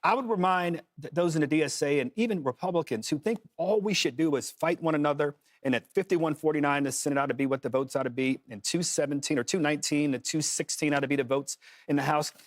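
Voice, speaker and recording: Panelist, man, rapid-fire talker with a higher voice, lots of restarts. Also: dry recording. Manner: rapid, restarting argument, piling up examples. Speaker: panel co-host. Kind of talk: political panel debate. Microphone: studio mic.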